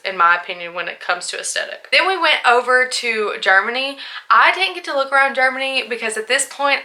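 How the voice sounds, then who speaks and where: Bright-voiced chatty young woman. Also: medium pitch. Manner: chatty and candid, full of likes and asides. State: a little tipsy. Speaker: vlogger. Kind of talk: casual chatty vlog.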